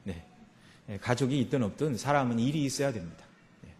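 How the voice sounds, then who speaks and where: A man's voice: medium pitch, lively intonation, fairly quick, a little mellow. A male pastor delivering a Sunday afternoon sermon in a conversational way, often dropping in short affirmations between points. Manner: conversational preaching with frequent filler affirmations. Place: church sanctuary.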